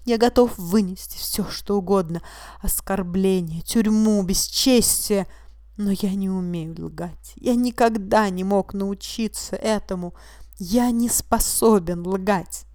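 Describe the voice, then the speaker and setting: A woman reading the part of a meek, tearful accused man who pleads slowly and sometimes drops to a whisper. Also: mid-range voice, no echo, studio quality, lightly acted. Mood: sobbing pleading. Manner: tearful, pleading and quietly insistent, slipping into a hushed whisper. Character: weepy, meek male mechanic accused of a crime.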